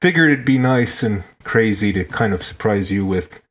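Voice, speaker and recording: With a fairly low voice, lively intonation and normal speed, this podcast guest, a man with a Finnish accent raised in Hong Kong, jokes through a casual chat. He frequently starts his words over.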